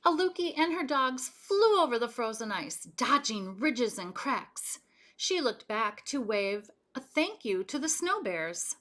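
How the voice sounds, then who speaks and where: Here a storybook reader, her voice a little high and a little slow, brings a children's story to life expressively. She talks directly to the young audience, animated and full of questions.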